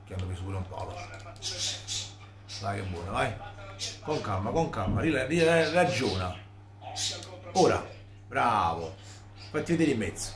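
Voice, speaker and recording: A man's voice: on the low side, sing-song, unhurried, pauses often. A man talking emphatically and casually while playing a football video game. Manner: emphatic, exclamatory Italian delivery. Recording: echoey room with game crowd noise. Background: football game crowd.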